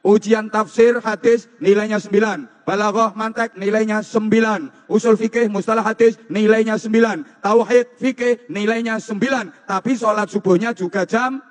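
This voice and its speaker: A man with a Javanese accent preaches a humorous sermon, teasing the crowd and hammering phrases in playful repetition. His voice sits a little high for a man, and it rings with the long reverb of a large hall. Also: fairly even intonation, normal speed, few pauses. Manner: jokey, repetitive rhythmic phrasing, teasing the audience.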